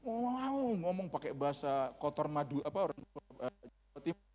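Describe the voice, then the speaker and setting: A man's voice: a little high, quick pace, a little mellow. A male pastor preaching a sermon, telling stories in a humorous, casual, slangy way. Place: church hall. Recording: long church-hall reverb.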